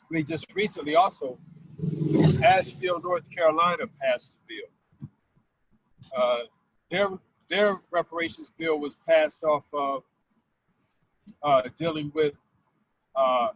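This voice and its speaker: A man's voice: a little high, vocal fry, a bit bright. A man calling in to a talk show on speakerphone while driving, laying out facts and repeating key figures. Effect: car speakerphone call. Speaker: caller. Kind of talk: call-in explanation on a talk show. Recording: muffled phone line from a car.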